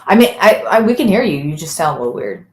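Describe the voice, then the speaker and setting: A woman with a lowish, sing-song voice talks fast in a roomy, echoing recording. She's co-hosting a live podcast, chatting casually on the stream and rambling while she hunts for words.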